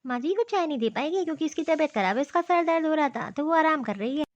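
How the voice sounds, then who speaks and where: A woman plays a caring, practical eldest daughter-in-law who runs the house in a cartoon story. She gives instructions in a high voice. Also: expressive, quick pace, muffled recording.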